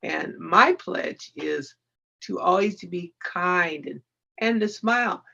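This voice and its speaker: A woman co-host speaking gently and affirmingly in a panel discussion. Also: on the low side, lively intonation, slow pace, vocal fry. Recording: dull lo-fi audio.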